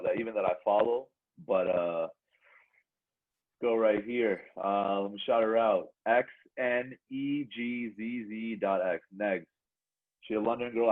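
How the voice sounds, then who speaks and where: Fast-talking young man, heavy on slang. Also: on the low side, narrow, tinny audio. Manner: slangy, repeatedly saying bro, man and like. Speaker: podcast co-host. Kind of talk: casual banter with heavy slang.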